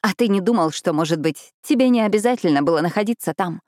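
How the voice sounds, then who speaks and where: A woman's voice: fairly low pitch, lively intonation, quick pace, darkish tone, dry recording, studio quality, lightly acted. A woman voicing an angry, sarcastic young female captive in an audiobook, speaking sharply and raising her voice. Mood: furious.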